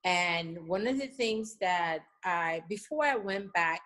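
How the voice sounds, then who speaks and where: A woman's voice: fairly low pitch, animated, slow pace, fairly bright tone. A middle-aged woman from Liberia, answering interview questions in an earnest, repetitive way, with many "you know"s. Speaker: interview guest. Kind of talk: remote interview, casual.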